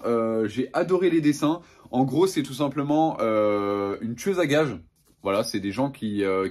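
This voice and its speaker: A man's voice: medium pitch, a little mellow. A young man, casually showing off his latest manga purchases with lots of enthusiasm and filler words. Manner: enthusiastic, slangy, many fillers. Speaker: manga vlogger. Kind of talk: casual haul review.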